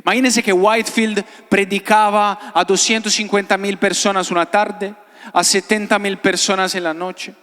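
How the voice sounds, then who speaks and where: An Italian guest pastor preaches a sermon to a live congregation in a large church hall, his voice high for a man and sharp in tone, with little pitch movement and a moderate pace. He speaks conversationally, repeating key phrases and posing short questions to the listeners. His amplified preaching rings through the hall's long reverb.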